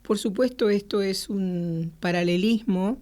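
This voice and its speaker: A woman's voice: medium pitch, a little mellow. Woman radio host reading aloud. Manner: measured literary reading with occasional hesitant fillers. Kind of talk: reading a novel aloud, then commentary. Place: radio studio.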